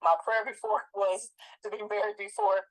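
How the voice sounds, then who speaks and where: A woman in her forties talking in a relaxed, reflective way about her own experience, with frequent fillers and restarts. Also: medium pitch, moderate pace, poor audio. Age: 40s. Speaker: co-host. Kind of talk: casual conversation.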